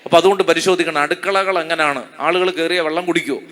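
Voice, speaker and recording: A priest with a Malayali accent preaching a sermon, asking rhetorical questions and calling the congregation to answer hallelujah. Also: male voice, fairly high pitch, steady tone, fast, a bit bright. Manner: call-and-response preaching, asks the crowd to say hallelujah; rhetorical questions, repeats phrases.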